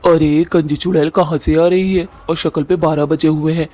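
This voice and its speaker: A plain-spoken young husband from a cartoon story, voiced by a man, rough and blunt in his talk. His voice sits fairly high for a man. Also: fairly even intonation, normal speed, darkish tone, lightly acted. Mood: harsh, dismissive. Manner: brusque, rough colloquial. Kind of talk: cartoon voice acting.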